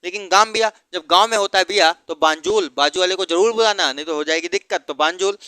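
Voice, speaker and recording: A man's voice: sits high, fast talker, sharp tone, smooth, no echo. A man teaching geography through memory tricks, asking questions and then answering them himself. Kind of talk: mnemonic geography lesson.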